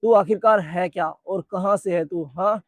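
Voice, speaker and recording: A huge, cocky high school boy who says outright that nobody else matters to him, as a man voices him. The voice is fairly high and the sound is dry and close. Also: moderate pace, dry recording, close to an everyday voice. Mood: dismissive. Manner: blunt, dismissive. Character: big, burly teenage male student, cocky.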